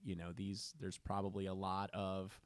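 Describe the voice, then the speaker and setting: A man's voice: sits low, level tone, normal speed, smooth. A man hosting a radio interview, asking curious, prompting questions. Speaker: radio show host. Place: radio studio.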